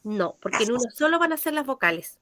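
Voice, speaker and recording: A woman's voice: on the high side, big pitch swings, fast, bright, forceful tone, no echo. A woman teaches a language lesson. She asks questions and checks that her pupils follow. Her voice sounds close and dry, with no room around it. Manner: patient, questioning, checks understanding.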